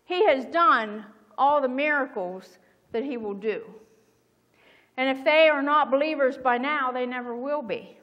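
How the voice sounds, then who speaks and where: A middle-aged woman pastor preaches a sermon from behind the pulpit in a church sanctuary, reading scripture aloud in a measured, earnest way. Her high-pitched voice is picked up by a small pulpit mic, with lo-fi sound and long church reverb.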